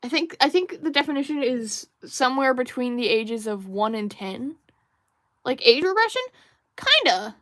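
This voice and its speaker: A woman's voice: high voice, very animated, moderate pace, fairly bright tone, no echo, studio quality. A young woman hosting a casual livestream while drawing, musing and rambling with many fillers and restarts while she reads viewer chat aloud. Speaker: livestream host.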